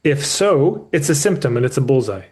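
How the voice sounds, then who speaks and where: Male business coach, live session, mid-pitched, candid and emphatic, loose and sweary. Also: sing-song, normal speed, a little mellow. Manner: restarts mid-thought as he explains.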